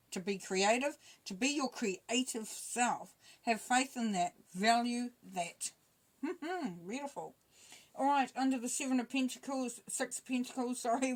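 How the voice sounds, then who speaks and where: A woman reading tarot cards in a loose, conversational way, talking through each card as she turns it over. Her voice sits a little higher than most women's, and she thinks aloud with easy fillers and small asides. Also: poor audio. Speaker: tarot reader. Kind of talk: casual spoken tarot reading.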